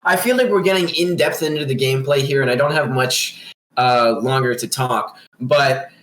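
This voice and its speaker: A man's voice: mid-range voice, normal speed, a bit bright. A young man on a podcast, telling stories in a rambling, casual way, leaning heavily on "like". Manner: rambling storytelling, heavy use of "like". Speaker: podcast co-host. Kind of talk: casual chat. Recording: roomy echo.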